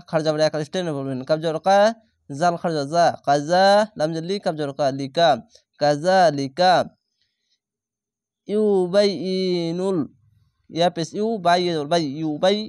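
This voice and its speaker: A Quran recitation teacher patiently breaks each word into its letters and vowel marks, then chants it slowly. His voice is a little high, smooth and clear with a darkish tone, recorded close and dry.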